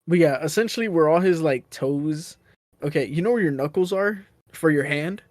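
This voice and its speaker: A man's voice: on the high side, moderate pace, darkish tone, no room sound, clean studio sound. A man co-hosting a casual sports podcast, talking in loose, self-correcting explanations. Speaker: podcast co-host.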